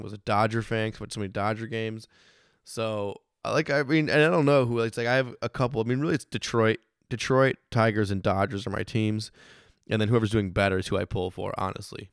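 A man with a hoarse voice talks in a loose, rambling way, laughing often and breaking off mid-thought. His voice sits a little low and comes through smooth and resonant despite the hoarseness. The sound is dry and close to the mic. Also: fairly even intonation, fast talker, no room sound. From Michigan. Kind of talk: casual chat.

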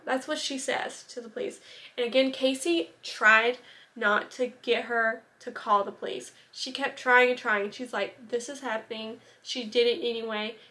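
A young woman chattily tells a true-crime story, her voice high and sharp in tone, packed with "like" fillers and little asides.

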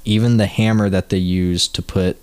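Male co-host, very low pitch, dry close mic, casual trivia reader who stumbles on words. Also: fairly even intonation, normal speed, darkish tone, clear, resonant tone, dry recording. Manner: reads facts aloud, trips over words. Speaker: podcast co-host. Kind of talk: casual chat, reading trivia notes.

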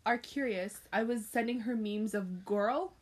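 A woman's voice: on the high side, unhurried, slightly rough. A young woman in casual chat with a friend, laughing often as she talks.

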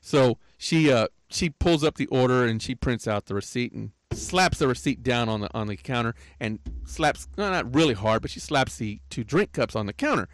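A man's voice: medium pitch, animated, normal speed, few pauses, no room sound. An older man telling a rambling, aggrieved story in a casual rant, often tagging his lines with "right?". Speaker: podcaster.

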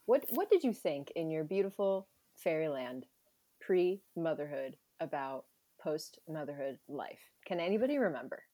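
A young adult woman hosting a podcast, telling stories in a casual, animated way with frequent laughter. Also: low-pitched, measured pace, no room sound. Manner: animated, jokey storyteller who laughs often. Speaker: podcast host, personal trainer. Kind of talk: casual chat.

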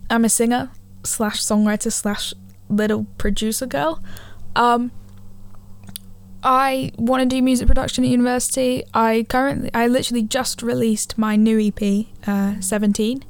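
Chatting on her own podcast in her living room, a teen girl holds a handheld studio mic and rambles, often correcting herself. A cold leaves her slightly high voice a little gravelly, and her delivery is flat at a moderate speed.

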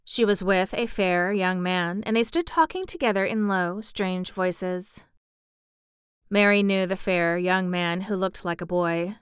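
A woman narrating a storybook aloud in an expressive way, now and then adding brief asides of her own. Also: on the low side, measured pace, clear, resonant tone, dry recording, studio quality. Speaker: audiobook reader.

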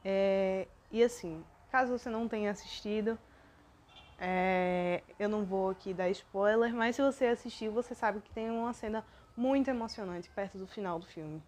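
A woman's voice: medium pitch, normal speed, a little mellow. A young Brazilian woman hosting a personal podcast, talking in a rambling, self-deprecating and emotional way. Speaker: podcast host.

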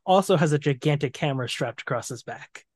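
A man's voice: fairly high pitch, expressive, a little fast, a little mellow, dry recording. A man co-hosting a casual book discussion podcast, recapping scenes and reading quotes aloud. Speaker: podcast co-host.

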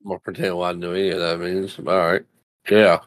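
A man's voice: low-pitched, little pitch movement, fast talker. A man co-hosting a casual podcast, laid-back, laughing often and swearing. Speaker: podcast co-host. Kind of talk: casual chat.

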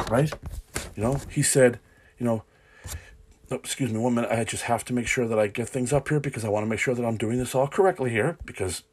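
A man's voice: on the low side, breathy edge. A man preaching an informal sermon on a podcast, rambling and correcting himself as he goes, often chuckling.

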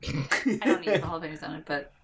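A woman's voice: deep voice, fast talker, a little hiss or hum. A woman guest on a casual podcast, chatting in an offhand, laughing way.

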